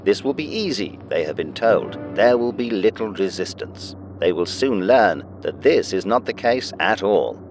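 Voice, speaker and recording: A man's voice: lowish voice, big pitch swings, normal speed, few pauses. A man reading scripted wartime newsreel narration in a dramatic, declarative way. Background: music under the narration.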